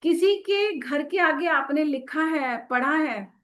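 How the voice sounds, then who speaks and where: A woman leads a live online numerology class. Her voice sits high and her delivery is slow and deliberate, with frequent questions to make sure the class follows along as she switches between Hindi and English. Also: expressive, fairly bright tone. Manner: explanatory, mixes English into Hindi. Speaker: numerology teacher.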